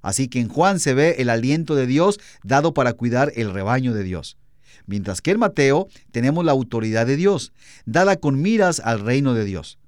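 Male co-host, steady explainer of scripture, mid pitch, dry studio sound. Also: moderate pace, no room sound. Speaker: co-host of a Bible program.

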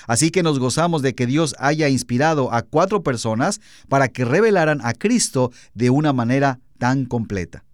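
A man co-hosting a Bible program, explaining scripture in a steady, teaching way. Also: medium pitch, dry recording, clean studio sound. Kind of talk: explaining scripture in a studio discussion.

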